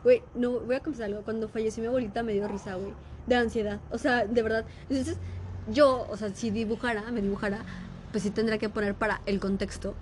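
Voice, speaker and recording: A woman with a Mexican Spanish accent hosts a podcast in loose, slangy chat, laughing often as she goes. Her voice sits a little high, and a faint hiss of background noise runs under the recording. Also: fast. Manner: slangy, laughs a lot, animated. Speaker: podcast host. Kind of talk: casual chat.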